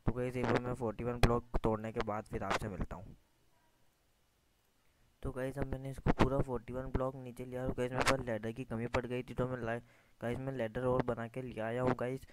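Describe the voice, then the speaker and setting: A man's voice: mid-range voice, fairly quick. A man giving casual commentary over his gameplay, chatty, calling out to his viewers often and muttering at his own mistakes. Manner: chatty, says "guys" constantly, mutters at mistakes. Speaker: gaming YouTuber. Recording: screen recording with steady noise.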